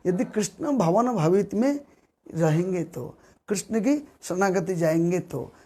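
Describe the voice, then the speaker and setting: A man preaching a devotional sermon, repeating his key words and rising in pitch on the words he stresses. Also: expressive, measured pace, dark tone, husky.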